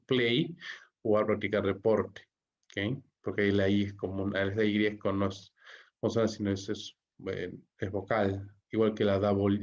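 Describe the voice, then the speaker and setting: A man's voice: fairly low pitch, darkish tone. A man teaching English grammar to Spanish speakers, reading each rule in English and then explaining it in Spanish, with a constant "¿ok?" after nearly every phrase. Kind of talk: bilingual grammar lesson. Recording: dull lo-fi audio.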